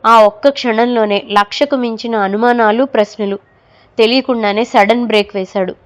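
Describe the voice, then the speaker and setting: A woman narrating a horror audio story in a measured, dramatic storytelling manner. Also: on the high side, steady tone.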